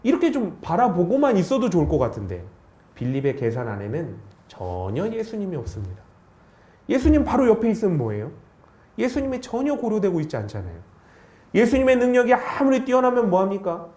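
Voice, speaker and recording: Male pastor, lively swinging delivery, dark mellow tone, echoey sanctuary sound. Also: sits high, a little fast. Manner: animated preaching with rhetorical questions. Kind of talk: sermon. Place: church sanctuary. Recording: echoey church hall.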